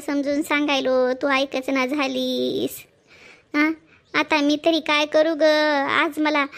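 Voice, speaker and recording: A woman's voice: high-pitched, fairly bright tone. Blunt grumbling woman, Marathwada accent. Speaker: storyteller playing family roles. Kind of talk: homemade village comedy drama.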